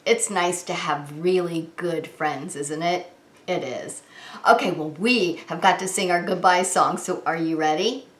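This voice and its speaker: A woman preschool teacher runs story time for young children, speaking animatedly in a sing-song manner and asking questions that she answers herself. Her voice is lowish and a little slow, and the indoor space sounds roomy and echoing.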